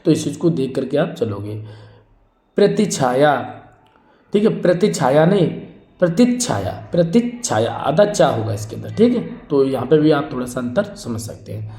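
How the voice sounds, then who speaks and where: A man's voice: mid-range voice, big pitch swings, fairly quick, mellow, reverberant. A man teaching Hindi spelling for exam prep, repeating each word, asking a question and answering it himself, and calling his students friends. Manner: repetitive drilling, asks then answers his own questions; addresses students as friends and brother.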